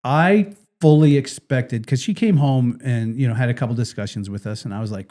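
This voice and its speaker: A man's voice: mid-range voice, a little fast. A middle-aged man co-hosting a podcast, telling stories in casual chat and acting out what people said. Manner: animated storytelling, acts out quotes. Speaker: podcast co-host.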